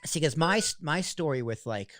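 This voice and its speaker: A man's voice: on the high side, expressive, moderate pace, fairly bright tone. A young man from Massachusetts hosting a podcast interview, asking eager, enthusiastic questions. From Massachusetts, USA. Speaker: podcast host. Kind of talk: casual interview.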